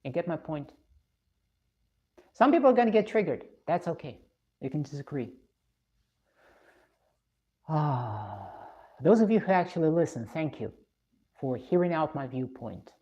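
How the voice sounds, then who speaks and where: Low, dark-voiced woman, blunt live streamer, slightly dull lo-fi sound. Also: very animated, a little slow, pauses often. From Russia. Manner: blunt and opinionated. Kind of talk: live stream chat reading comments.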